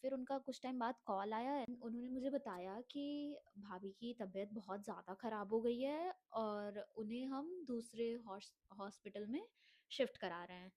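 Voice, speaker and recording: A woman's voice: on the high side, normal speed, a little mellow. A young woman with a cough telling her own life story in an earnest vlog monologue, mixing Hindi with English phrases. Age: young adult. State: unwell, coughing.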